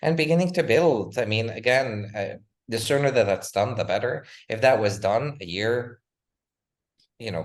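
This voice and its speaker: A man speaking as a guest author in an interview, talking with passion and rhetorical force, leaning on repeated "again" and "right?" as he presses his points. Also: mid-range voice. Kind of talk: impassioned interview talk.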